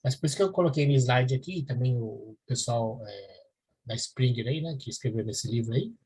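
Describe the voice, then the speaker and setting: A man gives a university lecture at a medium pitch, and his voice has a husky edge. He explains patiently, checking in with his students often. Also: brisk, darkish tone. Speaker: university professor.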